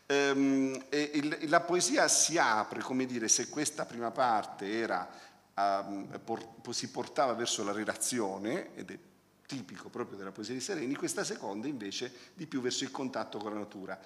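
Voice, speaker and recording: A male critic speaks in a medium-pitched voice, working through poems in a careful, analytical way. He pauses and searches for the right word as he goes. His voice carries a long, ringing reverb from the lecture hall. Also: a bit bright. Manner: hesitant, searching for words; analytical, close reading of sound patterns. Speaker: literary critic presenting a poetry book. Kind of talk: spoken book presentation.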